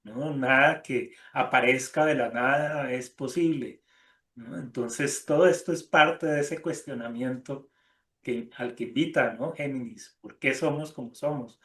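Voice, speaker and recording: A man's voice: mid-range voice, measured pace. Thoughtful man guest, medium voice, reflective talk, roomy echo. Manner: calm, thoughtful, fills with "¿no?". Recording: echoey room.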